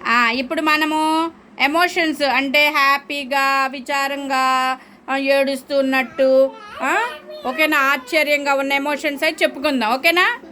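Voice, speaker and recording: A woman's voice: high voice, fairly even intonation, unhurried. A woman teaching a class of young children, coaxing them and calling on each child by name. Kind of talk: classroom lesson. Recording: noisy classroom recording.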